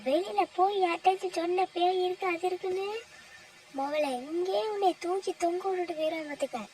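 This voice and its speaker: A woman's voice: very high-pitched, fairly even intonation, a little fast, a little hiss or hum. Woman voicing a bossy threatening woman. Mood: menacing. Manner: threatening, sharp-tongued, rural slang. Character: bossy scolding village woman, greedy for gold. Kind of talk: cartoon voice acting.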